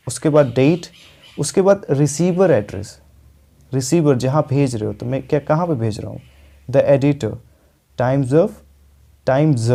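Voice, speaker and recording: A young man with an Indian accent teaches a spoken English lesson, explaining step by step and often checking in with "ठीक है". His voice is medium-pitched, gravelly and dark.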